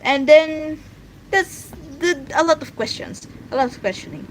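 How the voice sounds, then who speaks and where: A woman's voice: high voice, lively intonation, unhurried, slight background noise. Rambling Filipino woman, casual stream chat. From Philippines. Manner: rambling, filler-heavy, restarting thoughts aloud. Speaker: artist streaming while drawing.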